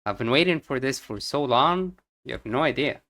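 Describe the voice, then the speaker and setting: A man playing a game and chatting excitedly, reading on-screen text aloud as he goes. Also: mid-range voice, normal speed. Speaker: gaming streamer. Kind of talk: casual let's-play commentary.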